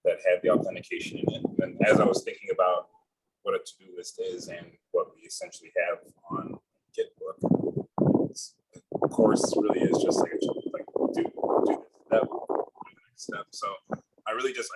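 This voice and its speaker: A man on a work video call, explaining his progress in a halting, thinking-aloud way while his audio comes through muffled and underwater-sounding. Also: low voice, very noisy. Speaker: project developer. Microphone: video call mic.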